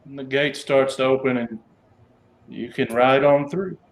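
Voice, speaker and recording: A man with a mid-pitched voice acts as game master. He narrates the tabletop game in a casual, conversational style, explaining the scene to his players. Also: fairly even intonation, a little slow, rough recording.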